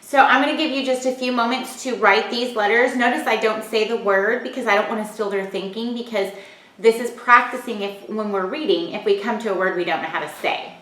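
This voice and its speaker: Woman phonics teacher, clear and encouraging, slightly high voice. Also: fairly bright tone, reverberant. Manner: clear, encouraging, sounds words out slowly. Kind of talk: recorded home-learning lesson.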